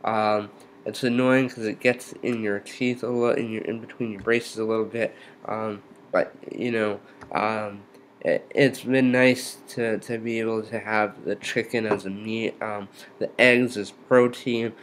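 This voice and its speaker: A man with a fairly low voice speaks slowly and haltingly in a casual, unscripted update. His words are slightly impeded, as from a numb, stiff jaw and lower lip after surgery. Clear background noise sits behind him. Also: fairly even intonation. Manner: halting, hesitant delivery. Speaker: vlogger giving a surgery recovery update. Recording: noticeable background noise, room ambience.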